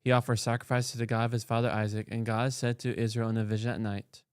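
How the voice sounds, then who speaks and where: A man with a smooth, clean voice, heard close and dry with no room sound. He chats casually while gaming, then reads scripture aloud and breaks off into animated, joking asides. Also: medium pitch, quick pace, no echo. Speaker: streamer.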